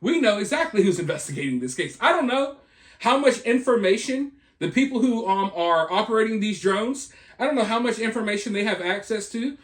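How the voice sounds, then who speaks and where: A man hosts an opinionated news commentary video, emphatic and full of repeated points and rhetorical questions. His voice is high-pitched, animated and brisk.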